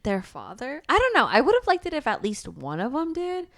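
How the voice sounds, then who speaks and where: A woman chatting casually as a book reviewer, tipsy and animated in how she talks. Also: high-pitched, brisk, no echo, clean studio sound.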